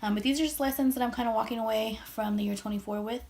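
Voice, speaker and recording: A woman's voice: on the high side, steady tone, racing, darkish tone. A woman of twenty-five chatting casually in a get-ready-with-me vlog from her old bedroom, a little out of breath, rambling with lots of fillers. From Texas, USA. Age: 20s. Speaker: beauty vlogger.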